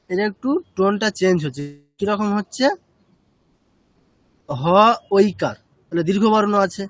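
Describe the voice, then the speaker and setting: A man's voice: high-pitched, no room sound. A man teaching a chanting class, explaining step by step and checking with short questions.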